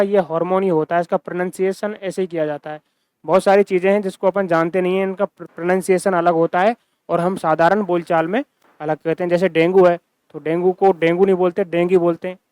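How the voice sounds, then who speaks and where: High-voiced male science teacher, crisp and dry. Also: darkish tone, no room sound. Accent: Hindi-speaking Rajasthan region. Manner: repeats key terms, asks and answers own questions. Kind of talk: recorded classroom-style lecture.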